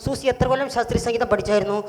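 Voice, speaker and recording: A pastor hosting a children's Bible school, telling a story and quizzing the children with animated, rising questions. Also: male voice, very high-pitched, very fast. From Kerala, India. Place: auditorium. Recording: echoey hall with faint noise.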